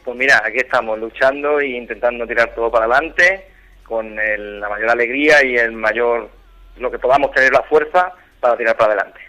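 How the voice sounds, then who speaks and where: A man in his thirties from Barcelona, calling in to a radio show and telling his story earnestly, with many halting restarts. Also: mid-range voice, sharp tone, rough recording. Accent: Spanish, from Barcelona. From Spain. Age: 30s. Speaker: caller. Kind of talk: phone-in interview.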